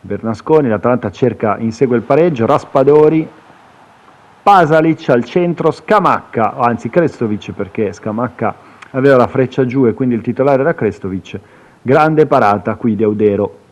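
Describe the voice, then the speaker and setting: An Italian man commentating on football video game highlights in a casual, improvised way, chatty and hesitant with lifts into excited play-by-play. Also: brisk. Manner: chatty, with asides and hesitations, lifting into excited calls on chances.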